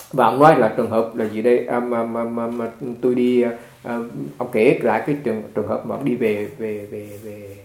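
Male monk, mid pitch, easygoing storytelling sermon, roomy echo. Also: normal speed. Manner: conversational, repeats words, animated when retelling. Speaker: Buddhist monk teacher. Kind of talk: dharma talk with storytelling. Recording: echoey room.

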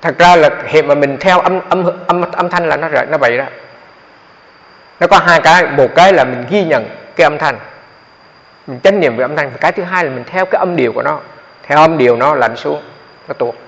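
A man's voice: a little high, normal speed, a bit bright. Monk guy giving a meditation talk, chatty and repetitive, long hall echo, muffled old recording. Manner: conversational and explanatory, often repeating words. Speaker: Buddhist monk teaching meditation. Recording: echoey hall, dull lo-fi sound.

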